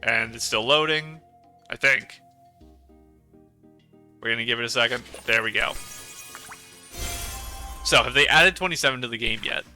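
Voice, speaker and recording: A man's voice: mid-range voice, moderate pace, long pauses, pushed and bright, soft background music. A man hosting a let's play, chatting casually and rambling about the game. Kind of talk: casual gameplay commentary.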